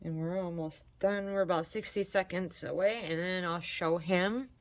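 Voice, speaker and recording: Here a woman from Michigan runs her crafting channel, chatting warmly and cheering viewers on while she crafts. Allergies leave her lowish voice a little congested, and she speaks at a moderate pace. The sound is close, dry and free of echo.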